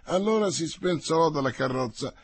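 A man narrating a novel aloud in a measured, theatrical way, as an audiobook reading for radio. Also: a little high, animated, slightly rough, no echo.

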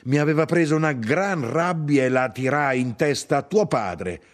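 A blunt, proud older mother, as a male reader puts her on. Her voice climbs high and swings widely, full of spirited emphasis. She talks like a storybook matriarch who brooks no nonsense. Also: moderate pace, natural voice. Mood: brisk, spirited. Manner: lively, animated dialogue. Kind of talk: audiobook reading.

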